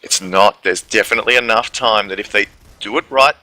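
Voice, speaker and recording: A man's voice: fairly low pitch, fairly quick, sharp tone, rough recording. A man giving laid-back analytical color commentary on an esports match. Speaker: esports co-caster.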